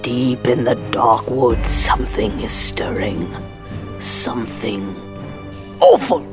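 A woman playing a blunt, ominous guide in a fantasy audio drama, speaking with drawn-out foreboding. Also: low-pitched, animated, over music.

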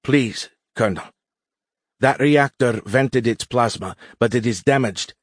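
In an audiobook, a man voices a young female alien cadet who is exhausted, blunt and adamant, speaking formally and insisting emphatically. He pitches the character above his own natural-sounding, medium-pitched voice at a slightly slow pace, recorded with clean studio sound and no room echo.

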